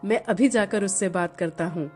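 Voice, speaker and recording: A woman's voice: mid-range voice, normal speed, darkish tone, soft background music, pitched below the performer's own voice, natural voice. A woman voicing an impatient young husband who scolds his wife, in a storybook narration. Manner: stern, scolding.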